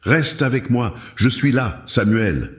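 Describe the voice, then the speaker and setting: A man's voice: medium pitch, expressive, slow, pitched above the performer's own voice. A man voicing a desperate mother who pleads, anguished yet firm. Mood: pleading. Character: desperate determined young mother. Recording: roomy echo.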